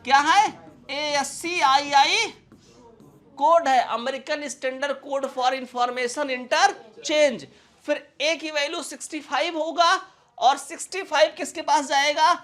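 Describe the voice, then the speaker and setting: A man's voice: very high voice, steady tone, fairly bright tone. A man teaching a computer lesson in with a tinge, who keeps checking whether his students have understood. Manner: asks quick check questions again and again. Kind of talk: classroom-style lesson.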